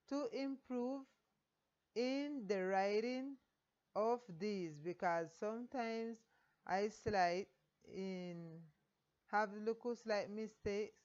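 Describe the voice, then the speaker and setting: A Colombian woman whose first language is Spanish reads her teaching reflection aloud in English, slowly and haltingly, with a Colombian Spanish accent. The recording sounds dull and lo-fi. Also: mid-range voice, a little mellow. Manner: slow, halting reading of prepared English text. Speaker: student teacher.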